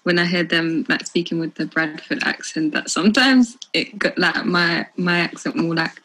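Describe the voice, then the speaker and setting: A woman's voice: fairly low pitch, steady tone, normal speed, a bit bright, low-quality recording. A young woman in a casual family chat, playful and a little defensive.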